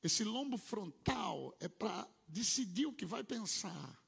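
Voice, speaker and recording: A man preaching a sermon, swinging between low murmured asides and loud shouted proclamations. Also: very animated, slow pace, gravelly, husky. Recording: long hall reverb.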